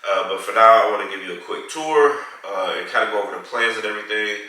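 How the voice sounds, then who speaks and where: In an echoey recording, a man gives a rambling, casual tour of his large indoor home theater, catching and correcting himself along the way. He's a vlog co-host, nasal from a head cold, speaking quickly in a voice on the low side with a bright, forceful tone.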